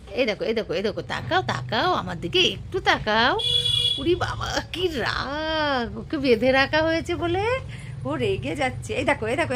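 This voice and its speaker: A woman's voice: sits high, fairly bright tone, slight background noise. A woman filming her pet dog at home on a phone, talking to it in coaxing, repetitive baby talk. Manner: coaxing, sing-song, repeating herself. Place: home, indoors.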